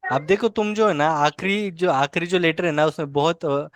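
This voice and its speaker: A woman's voice: sits low, no echo, studio quality. A woman teaching a language lesson, patiently modelling and correcting pronunciation word by word. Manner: corrects and models words slowly, repeating each.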